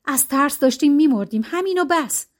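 Woman reading a calm middle-aged husband, dry and understated, still fairly high.

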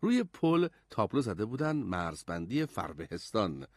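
A man reads a storybook aloud with a husky, slightly breathy voice. His pitch swings widely as he shapes each scene, and the sound is close and dry. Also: no echo. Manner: expressive, animated storytelling. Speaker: narrator. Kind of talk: storybook narration.

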